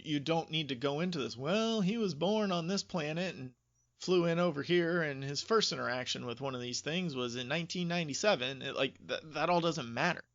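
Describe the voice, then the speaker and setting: A man co-hosting a casual podcast speaks in a slightly high, bright voice with a gravelly edge, stating his opinions emphatically. The sound is dry and close-miked but somewhat dull and lo-fi.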